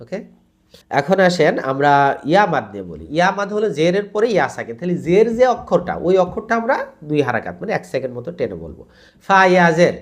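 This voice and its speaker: A man teaching Quran recitation rules, who sounds out syllables slowly and drawn out, explains quickly in between, and asks learners to repeat after him. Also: fairly high pitch, sing-song. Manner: drills syllables slowly and stretched, then explains in quick bursts. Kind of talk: tajweed lesson.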